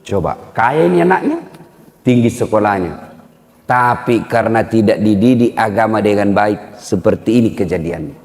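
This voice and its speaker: Brief: storytelling male preacher, Makassar accent, lively and dramatic, roomy reverb. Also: lowish voice, normal speed. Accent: Makassar Indonesian. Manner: animated, acts out quoted voices. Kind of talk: humorous storytelling sermon. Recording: echoey hall with long reverb.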